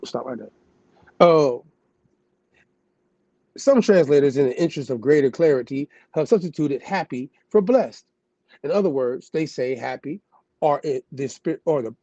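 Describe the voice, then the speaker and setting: A man with a mellow, rounded voice talks in an easygoing, slangy way and breaks into stretches of reading aloud. He keeps turning to his listener with casual asides. The recording is dull and lo-fi, with a dry, close sound. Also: on the high side, no echo. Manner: loose slangy asides, calling the listener "God".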